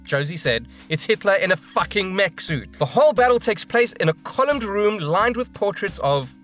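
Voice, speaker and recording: A man's voice: sits high, very animated, moderate pace, fairly bright tone, soft background music. A man co-hosting a gaming video, reading a script with jokey, sweary asides. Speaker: co-host. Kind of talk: scripted banter with co-hosts.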